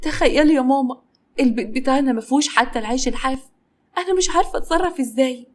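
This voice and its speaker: A woman's voice: a little high, rapid-fire, lightly acted. Woman playing a fed-up Egyptian wife. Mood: tearful. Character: fed-up young wife and mother, tearful.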